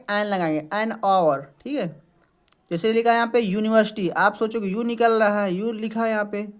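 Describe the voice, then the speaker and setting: A male teacher walks through vocabulary in a classroom-style lesson. He asks his own questions and answers them, then checks in with a quick "okay." He says each word slowly and more than once so learners can copy it. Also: high-pitched. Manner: repeats words slowly to model their pronunciation. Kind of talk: classroom-style lesson explaining English words in Hindi.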